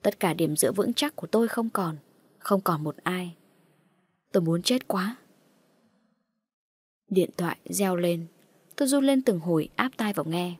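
Breathy woman narrating a horror story. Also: on the low side, expressive, unhurried, pauses often, dry recording.

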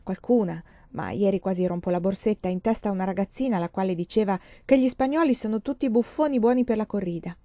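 A woman's voice: mid-range voice, fast talker, hardly any pauses, warm tone, no room sound, dull audio, close to an everyday voice. A woman reading out the letter of an impulsive young woman in a breathless, emotional manner.

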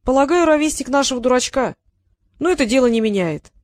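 A reader voicing a fussy, reasoning big dragon in an audiobook, speaking higher than the narration. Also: expressive, a little fast, dry recording, studio quality. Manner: tearful at times, reasoning. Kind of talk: audiobook character reading.

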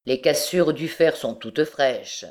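A woman's voice: low-pitched, slow pace, a little mellow. A woman reading an audiobook, voicing a suspicious male soldier who probes with smug remarks. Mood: probing.

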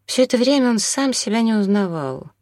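A woman narrating an audiobook in an even, measured reading. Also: fairly high pitch, no echo, clean studio sound.

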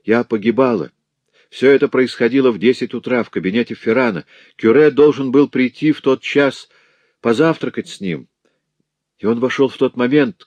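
A man's voice: medium pitch, a little mellow, no room sound, pitched above the performer's own voice, close to an everyday voice. A man voicing a frightened young woman servant who tells her story in a pleading way.

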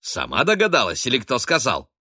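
Guy putting on a high excitable lady, fussy and teasing, voice jumps all over, dry close sound. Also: a little fast, no room sound, heavily acted. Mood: excited gushing. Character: gushing middle-aged lady, matchmaking mistress.

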